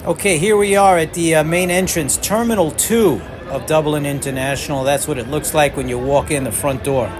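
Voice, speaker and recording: Guy doing casual plane spotting commentary, slightly high voice, noisy airport behind him. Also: moderate pace, few pauses. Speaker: channel host, plane spotter. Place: airport terminal. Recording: loud ambient airport noise.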